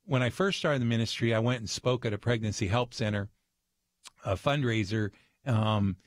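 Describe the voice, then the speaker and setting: A man guest on a radio talk show, telling a story in an earnest, animated way. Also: mid-range voice, moderate pace, no echo, studio quality. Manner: earnest, animated, acts out voices in his stories.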